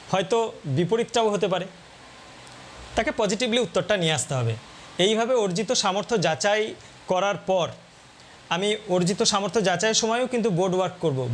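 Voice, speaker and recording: A man with a Bengali accent explaining step by step how to teach a grammar lesson, spelling out sounds slowly. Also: sits high, slight background noise. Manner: slow and deliberate, spelling out sounds one by one. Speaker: teacher coaching exam candidates. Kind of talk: explaining a demo class lesson.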